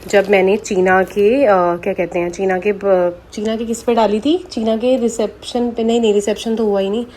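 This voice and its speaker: A woman's voice: mid-range voice, steady tone, moderate pace, darkish tone, rough recording. A young woman, chatting casually and at length to her vlog viewers from home. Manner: chatty, rambling, talks straight to viewers. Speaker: family vlogger.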